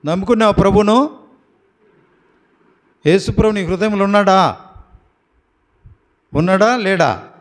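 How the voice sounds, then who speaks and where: High-pitched male pastor from Andhra Pradesh; firm, coaxing questioner at a baptism. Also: a little slow, pauses often. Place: prayer house.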